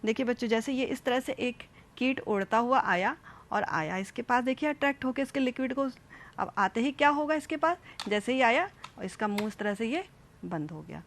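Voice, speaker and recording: Woman science teacher, higher voice, patient step-by-step classroom explaining. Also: a little fast. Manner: addresses children directly, repeats and demonstrates step by step. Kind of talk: classroom science lesson with demonstrations.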